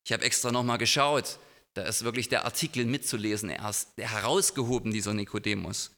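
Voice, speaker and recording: A man's voice: lowish voice, brisk, bright, forceful tone. A man preaching a sermon as pastor in a church, explaining thoughtfully. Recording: long hall reverb in a church.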